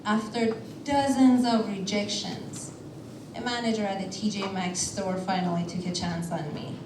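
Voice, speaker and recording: A woman from Iran telling a personal story on a theater stage in a measured way, with deliberate pauses. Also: mid-range voice, steady tone, noisy background. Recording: roomy theater sound from a distance.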